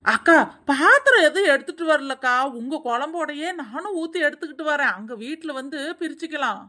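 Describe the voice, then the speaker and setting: A woman's voice: high-pitched, animated, fairly quick, pushed and bright. A woman voicing a greedy, boastful village woman. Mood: scheming. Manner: boastful, wheedling. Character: greedy chatty village woman hoarding wedding leftovers. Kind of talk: animated comedy dialogue.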